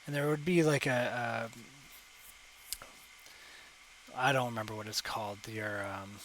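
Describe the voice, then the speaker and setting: A man's voice: mid-range voice, steady tone, measured pace, fairly bright tone, a little hiss or hum, poor audio. A young man talking through a live digital sculpting session at his desk mic, thinking aloud with lots of fillers and self-corrections. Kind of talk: casual live tutorial commentary. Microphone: desk microphone.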